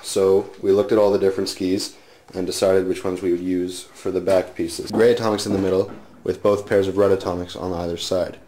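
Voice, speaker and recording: A teenage boy with a low voice talks through a woodworking project in an offhand, explanatory way. He sounds like a student narrating his own build, picked up by a camera's microphone in a home workshop. A faint hiss sits under his voice. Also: level tone, a little fast, few pauses, mellow. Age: teens.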